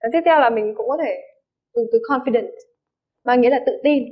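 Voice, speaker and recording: A woman's voice: on the high side, fairly quick. A woman English teacher explains vocabulary, giving many examples and often checking that her students follow. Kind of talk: vocabulary lesson. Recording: dull lo-fi recording.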